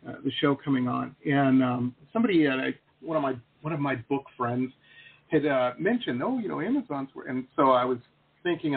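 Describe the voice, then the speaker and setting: A man's voice: mid-range voice, gravelly, slightly rough. A man hosting an interview show, chatting casually, enthusiastic and rambling. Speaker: podcast host. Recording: tinny phone-like line.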